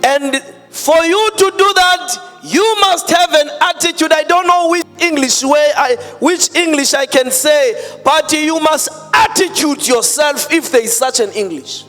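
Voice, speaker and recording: Man, pulpit microphone, very high voice, slow emphatic preaching, long hall reverb, faint music behind. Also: a bit bright. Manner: emphatic, drawn-out preaching with mixed-in Xhosa words. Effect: speaking into a pulpit microphone. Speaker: pastor. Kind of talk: sermon. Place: church hall.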